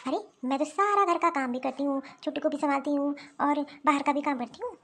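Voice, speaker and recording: A woman's voice: high-pitched, fairly quick, fairly bright tone. A woman voicing a tired, overworked older mother-in-law in a cartoon story, complaining and self-pitying. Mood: grumbling. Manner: complaining, grumbling to herself. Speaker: voice actor. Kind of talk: Hindi cartoon dialogue.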